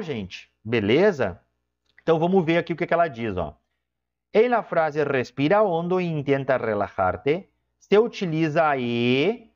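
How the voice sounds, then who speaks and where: A man explains exam questions like a teacher, checking in with short asides. His voice sits fairly high and moves a lot. The recording sounds dull and lo-fi. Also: darkish tone. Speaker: Spanish teacher. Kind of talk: exam question walkthrough lesson.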